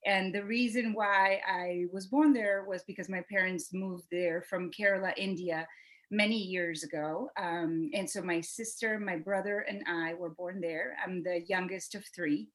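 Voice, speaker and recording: A woman in her thirties from Venezuela, a native Spanish speaker, telling her life story in a relaxed, chatty way as a podcast guest. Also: fairly low pitch, a little slow, poor audio. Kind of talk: casual interview storytelling.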